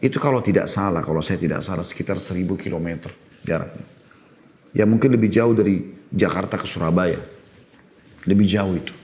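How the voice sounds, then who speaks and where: A man's voice: low voice, fairly quick, long pauses, darkish tone. A middle-aged man giving a sermon as an Islamic preacher, telling stories with shifting emphasis. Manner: storytelling, varied emphasis, rising for key points.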